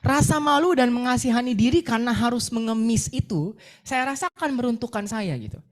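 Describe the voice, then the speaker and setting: Lively woman preaching a personal testimony. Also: on the high side, fairly quick. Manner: lively storytelling, acts out her own words and prayers. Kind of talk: sermon testimony.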